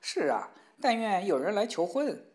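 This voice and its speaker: A woman's voice: medium pitch, very animated, normal speed, a little mellow, pitched above the performer's own voice, lightly acted. A woman voicing a proud mother in a storybook tale, speaking eagerly and emphatically. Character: proud old mother, boastful about daughter.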